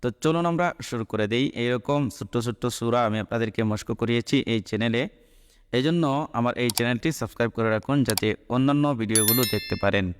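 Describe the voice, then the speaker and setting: A man teaching how to recite a short Quran chapter, spelling out each letter and vowel mark before chanting the verse in long, drawn-out tones. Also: mid-range voice, clean tone. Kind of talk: slow recitation lesson. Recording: long echoing reverb.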